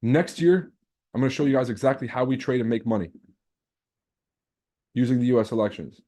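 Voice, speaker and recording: Fairly quick and mellow, this mid-range male voice belongs to a trading livestream host from Lebanon whose native languages are Arabic and French. His casual chat with live viewers is full of slang, bragging and swearing.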